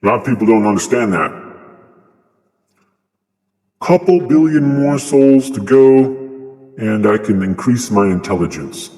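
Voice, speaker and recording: A man playing a smug, callous God on a game livestream, answering viewers' questions in a deadpan, sarcastic way. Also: lowish voice, measured pace, long pauses, in a large hall. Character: smug, callous male God character, cruel and casual. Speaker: streamer in character. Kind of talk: in-character livestream chat.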